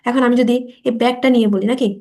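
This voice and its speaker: A woman teaching a spoken English lesson, stretching out model sentences slowly and often asking quick check questions. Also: a little high, fairly even intonation, warm tone. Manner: slow, drawn-out model sentences for repetition; asks rhetorical check questions.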